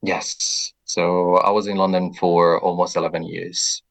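The voice of this Brazilian man, a radio interview guest, is low-pitched and creaky with little pitch movement, and he has a Brazilian accent. His answers come in a reflective, measured manner, dotted with soft fillers.

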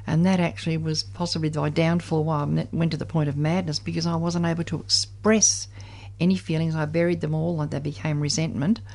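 This seventy-year-old woman offers a candid, reflective personal recollection to a group. Her voice sits low and creaky with a darkish, steady tone, and she talks briskly.

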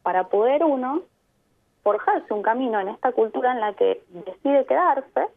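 This reflective phone-in radio interview features a woman from Mendoza, Argentina, describing her life as an immigrant in Argentine-accented Spanish. She has a high, animated, gravelly voice at normal speed, and the line sounds tinny. She explains her thinking carefully, frequently adding quick tag questions.

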